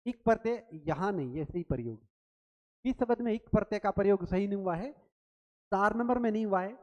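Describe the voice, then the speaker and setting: A woman teaching a grammar quiz lesson, asking questions and answering them herself, repeating key words slowly. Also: medium pitch. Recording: long reverb, roomy sound.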